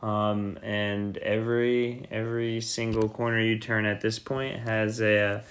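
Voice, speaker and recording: A man chatting outdoors in a calm, easygoing way, trailing off at the ends of his thoughts. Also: on the low side, a little slow. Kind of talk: casual travel vlog chat.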